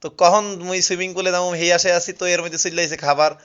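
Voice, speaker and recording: A man from Barishal, Bangladesh, narrates a travel vlog at an outdoor resort with a swimming pool, speaking in the Barishal dialect of Bengali. He jokes and chats casually, often checking that listeners are following. His high-pitched voice is steady, racing, a bit bright, clear, and resonant, though the recording is muffled.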